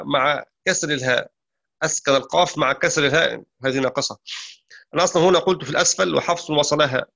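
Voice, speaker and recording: A man teaches Quran recitation in a bright, somewhat high voice. He moves quickly through the rules, then slows into long, drawn-out recited verses and corrects his own slips aloud. The recording sounds dull and lo-fi. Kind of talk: tajweed lesson with recited verses.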